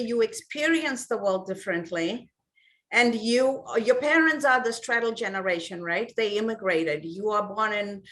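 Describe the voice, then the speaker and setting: A woman hosting an online panel discussion over a video call, asking guests in warmly to share their views. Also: mid-range voice. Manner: inviting, asks guests to share. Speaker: host.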